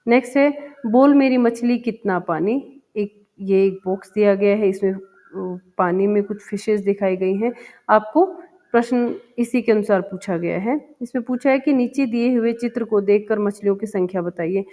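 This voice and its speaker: A woman's voice: mid-range voice, mellow. A woman teaching a first-grade Hindi lesson, patiently repeating words and asking the children questions. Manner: chants the poem slowly and sing-song. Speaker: primary school Hindi teacher. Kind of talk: explaining a textbook lesson to young children. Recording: dull lo-fi sound with long reverb.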